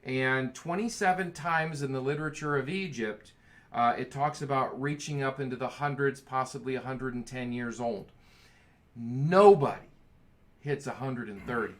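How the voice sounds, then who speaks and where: Male Bible study leader, bright tone, enthusiastic and playful. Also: mid-range voice, steady tone, normal speed. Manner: enthusiastic, reads scripture aloud, jokes. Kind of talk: casual Bible study teaching.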